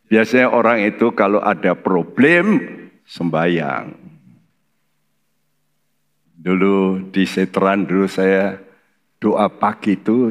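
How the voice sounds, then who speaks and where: An older man with a Javanese accent preaching a sermon in church, telling folksy stories and acting out the voices in them. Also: low-pitched. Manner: folksy storytelling, acts out voices in his stories. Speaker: pastor.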